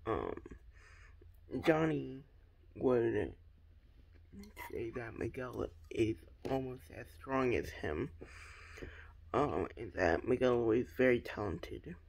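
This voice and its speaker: A young man talks through a fan theory in an unhurried, rambling way. His voice has a gravelly, fried texture at a middling pitch, and he keeps stopping to say um and to start his sentences over. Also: sing-song, darkish tone. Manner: hesitant, many ums and restarts.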